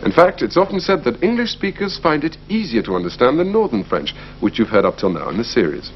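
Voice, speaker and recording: A man's voice: medium pitch, a little fast. A man presenting a language course in scripted, explanatory narration. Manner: clear, explanatory, lively delivery. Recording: slightly muffled broadcast audio, faint hiss.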